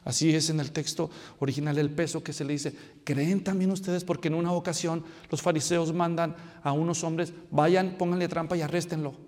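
A man preaching a sermon to his congregation, acting out Bible scenes and swinging between soft, low asides and loud, excited lines. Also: brisk, few pauses, in a large hall. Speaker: pastor. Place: church hall.

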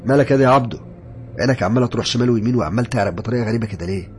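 A man voicing a joking, superstitious young male coworker with an Egyptian accent, loud and excitable. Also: fairly low pitch, rapid-fire, creaky, faint music behind, voice pushed up. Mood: teasing. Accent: Egyptian Arabic.

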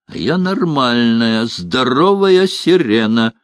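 A shrill, sulky sea-siren woman, vain and demanding, as a male narrator puts her on. Her voice sweeps up high and swings with lively pitch, slow and drawn out. It sounds dry and close. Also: dry recording. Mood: haughty. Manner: shrill, whiny and indignant.

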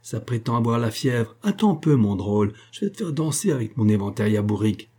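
A man's voice: mid-range voice, very animated, brisk, husky. A man voicing a brutal, bullying prison guard who barks threats and insults in a raised voice. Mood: snarling, bellowing. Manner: barking, threatening shouts.

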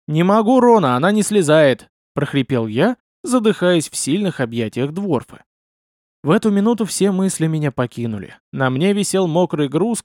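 Male storyteller, first-person audiobook, lively swooping pitch, dry close sound. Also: no echo. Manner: expressive, animated storytelling. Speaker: narrator.

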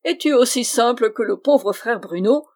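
A woman with a medium-pitched, slightly mellow, near-everyday voice at normal speed plays an impish little male dwarf. Raising her voice exuberantly, she mocks and teases.

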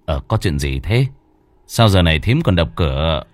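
A man voicing a gruff, sleepy middle-aged husband who talks low and dismissively in a spoken horror story. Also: sing-song, moderate pace, no room sound.

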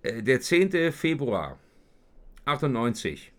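A hesitant male witness answers slowly and haltingly, his voice moving up and down as he speaks. He stays polite and careful under questioning in a radio play. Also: mid-range voice, very animated. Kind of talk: radio play reenacting a hearing.

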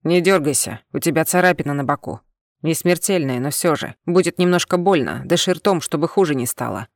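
A woman voicing a gruff, brusque alien man with a tail who growls short commands in an audiobook. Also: low voice, expressive, brisk, no echo, clean studio sound. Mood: gruff soothing. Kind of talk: audiobook character voice.

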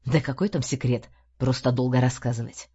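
A woman voicing a weary middle-aged male ex-detective who grumbles through his teeth in a lowered voice. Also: steady tone, a little fast, warm tone, slightly rough. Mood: gruff, weary. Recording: dull lo-fi audio.

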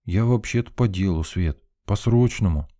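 Sly, teasing young student, voiced by the male narrator; low, warm, deadpan jokes. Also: normal speed, no echo, clean studio sound, lightly acted. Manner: teasing, mock-serious.

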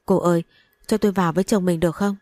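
A woman voicing a frantic young wife in a read-aloud story, pleading in quick, breathless bursts. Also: on the low side, steady tone, warm tone, no room sound, clean studio sound, close to an everyday voice. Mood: desperate pleading.

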